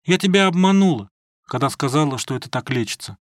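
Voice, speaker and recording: A man reading an audiobook, voicing a gentle, sad young village woman who speaks softly and tenderly. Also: low-pitched, expressive, fast, dry recording, clean studio sound. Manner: soft, tender, consoling.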